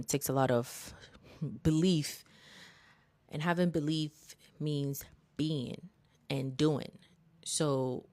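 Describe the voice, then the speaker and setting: A woman's voice: extremely low pitch, a little mellow. A woman hosting a casual livestream, giving earnest motivational commentary and thinking aloud with fillers and the odd swear word. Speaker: livestream host. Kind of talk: casual self-help commentary.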